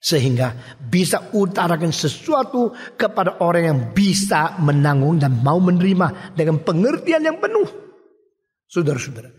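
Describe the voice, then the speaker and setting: An older man preaching a sermon in speech, emphatic, swinging between low murmurs and high outbursts and dropping in English phrases. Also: very animated, normal speed. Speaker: pastor. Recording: long hall reverb.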